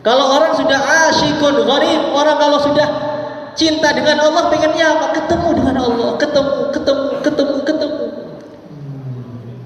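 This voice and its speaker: High-voiced preacher in an echoing hall. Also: male voice. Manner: sing-song, drawn-out preaching with repeated words and Arabic quotations. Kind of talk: sermon. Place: large mosque hall. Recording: distant, echoey hall.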